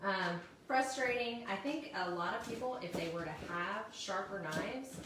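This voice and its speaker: A woman's voice: medium pitch, animated, a little slow. Chatty woman in an echoey kitchen. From Missouri, United States. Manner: chatty, laughs often, explains steps warmly. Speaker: cooking show co-host. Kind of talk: casual cooking demonstration. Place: home kitchen. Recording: echoey kitchen, mic far off, loud kitchen noise.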